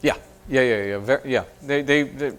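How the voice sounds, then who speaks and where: Lecturing man, halting and thoughtful. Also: mid-range voice, clean tone. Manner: thoughtful, many fillers and restarts. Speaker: professor giving a lecture. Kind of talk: university lecture with audience Q&A. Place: lecture hall.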